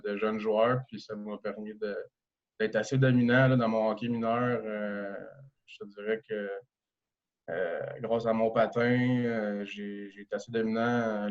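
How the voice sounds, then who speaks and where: A man in his thirties with a Québécois accent speaks in a low, flat, even tone. He talks in a relaxed, halting way, full of fillers and restarts. The audio is dull and lo-fi. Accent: Québécois French. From Quebec. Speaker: guest, professional hockey player. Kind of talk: casual podcast interview.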